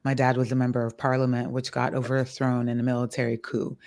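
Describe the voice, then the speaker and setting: A woman in her forties from Ghana, a guest on a podcast interview, talking in a calm and reflective way. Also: rumbling low, fast. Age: 40s. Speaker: guest, author and death doula.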